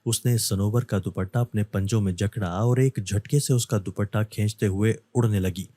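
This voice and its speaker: Low, warm-voiced male storyteller. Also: dry recording. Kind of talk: scripted narration.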